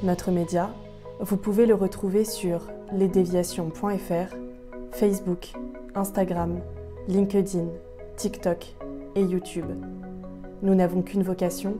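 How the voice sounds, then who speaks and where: A woman hosting a podcast, asking questions and reading the outro in a steady, even way. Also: fairly low pitch, measured pace, pauses often, music in the background. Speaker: podcast host.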